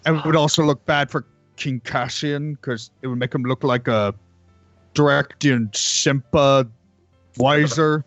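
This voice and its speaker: Halting, slow-talking man, muffled. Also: mid-range voice, steady tone, fairly bright tone, no room sound. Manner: halting, stammering. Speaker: player. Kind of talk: in-character tabletop role-play. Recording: muffled sound with music behind. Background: music.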